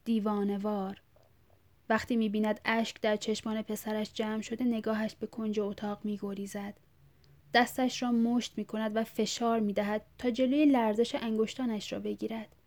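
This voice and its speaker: A woman narrating a story aloud in a measured, even way. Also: mid-range voice. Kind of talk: audiobook reading.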